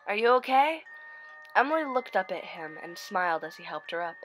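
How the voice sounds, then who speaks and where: A woman with a slightly low, bright and forward voice reads a scripted horror tale as its narrator. Faint music with chimes plays behind her storytelling. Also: lively intonation, a little fast. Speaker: narrator of online horror stories.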